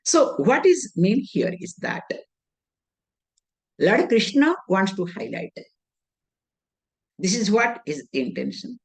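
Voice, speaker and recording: A woman spiritual teacher with an Indian English accent delivers a scriptural discourse in an unhurried, measured way. Her lowish voice swoops up and down with lively emphasis. She poses rhetorical questions and answers them herself, dropping Sanskrit terms into her English.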